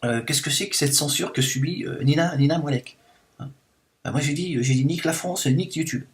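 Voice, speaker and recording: A man's voice: fairly high pitch, brisk, a little hiss or hum, close to an everyday voice. A man voicing a self-declared liberated woman in a satirical monologue, ranting with endless fillers in mock indignation. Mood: indignant. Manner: rambling rant full of fillers, mock-indignant.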